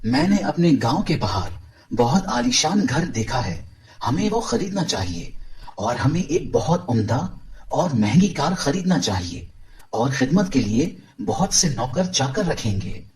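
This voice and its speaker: A man plays a greedy, discontented village milkman in an animated moral story, sounding boastful, scheming and dismissive. His voice is medium-pitched and measured in pace.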